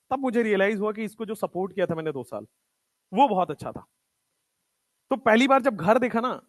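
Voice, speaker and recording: High-voiced Indian coaching teacher, dry sound. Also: male voice, no echo. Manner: hinglish, repeats points for emphasis. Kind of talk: motivational classroom talk. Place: classroom.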